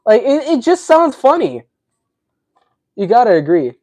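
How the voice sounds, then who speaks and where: A man with a very high-pitched yet darkish voice, recorded without echo, hosts a casual livestream. A native Russian speaker with a slight accent, he chats while building, laughs a lot and replies to viewers' comments.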